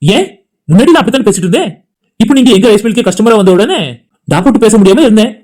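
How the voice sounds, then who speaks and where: A man's voice: sits high, animated, fast talker, darkish tone. A man voicing a short-tempered, protective older brother in a cartoon, blunt and irritated. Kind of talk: cartoon voice acting.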